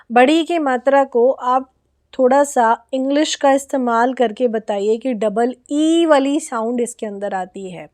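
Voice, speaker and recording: A high-voiced Indian woman leads an online class for parents. She explains each step plainly and draws out example words slowly to show long and short sounds. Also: a little mellow. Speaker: online teacher. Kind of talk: Hindi lesson for parents.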